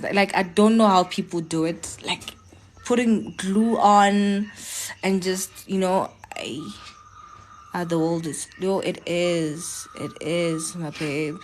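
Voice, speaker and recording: A woman's voice: lowish voice, slight background noise. Chatty South African woman on a phone live. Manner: chatty, switches between English and local languages, encouraging. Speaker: TikTok live streamer. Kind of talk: casual live-stream chat. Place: at home.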